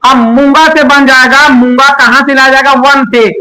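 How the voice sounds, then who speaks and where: A man teaching a class, loudly quizzing students and having them repeat answers back to him. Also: very high voice, little pitch movement, normal speed, low-quality recording. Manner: loud, call-and-response questioning. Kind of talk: classroom lecture with memory tricks.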